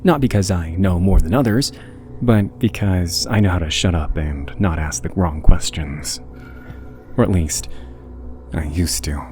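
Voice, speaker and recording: A man tells a scripted horror story in the first person. His voice sits very low and is dark and mellow in tone, with a haunting, hushed delivery. Faint music plays behind him. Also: measured pace.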